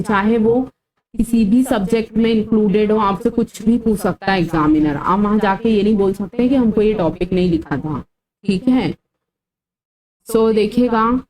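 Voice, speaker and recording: A woman's voice: mid-range voice, a little mellow, low-quality recording. A woman teaching an exam-prep engineering lecture, explaining formulas step by step and telling students what to memorize. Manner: explanatory, drills formulas to memorize, mixes English terms; scolding students about comments. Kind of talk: online lecture.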